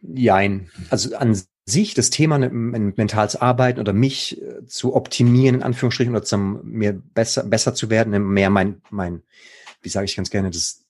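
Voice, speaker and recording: A mental coach from Baden, Germany, talks casually and enthusiastically in an interview, rambling and using slang. His voice is fairly low, a little mellow, at a moderate pace.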